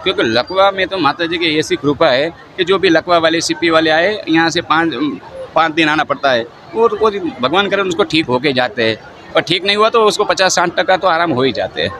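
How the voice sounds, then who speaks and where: A man's voice: fairly high pitch, animated, brisk. A man from Gujarat, a faith healer, answering interview questions in a blunt, rambling, defiant way at an outdoor camp. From Gujarat, India. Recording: noisy outdoor field recording.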